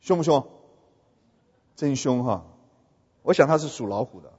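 A man preaching a sermon through lively storytelling, often putting questions to his audience. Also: mid-range voice, moderate pace, slightly rough. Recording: echoey hall, dull lo-fi sound.

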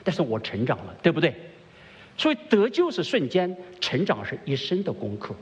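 A male pastor delivers a sermon to his congregation, his fairly high voice rising and falling in lively swings. He peppers the room with rhetorical questions and slips English words into his preaching. A long hall reverb trails each phrase. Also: moderate pace, muffled recording. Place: church service before a congregation.

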